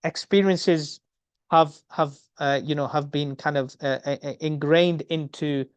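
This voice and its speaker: A man's voice: fairly high pitch, fairly even intonation, a little slow, clean tone, no echo. A middle-aged man from the UK, a medical educator giving an earnest webinar talk, often repeating words as he thinks. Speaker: medical educator and academy speaker. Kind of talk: webinar presentation. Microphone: video call. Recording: dry, dull video-call audio.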